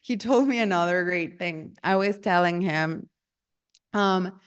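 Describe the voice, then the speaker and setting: A woman's voice: lowish voice, unhurried, smooth, highs cut off. A woman telling a personal story in a casual way, laughing often and acting out the dialogue she quotes.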